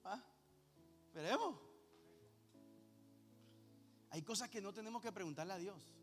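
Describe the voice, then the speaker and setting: A man, teasing his congregation with quick rhetorical questions. His voice echoes through a large church hall over faint background music. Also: high-pitched. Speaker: pastor. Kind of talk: sermon.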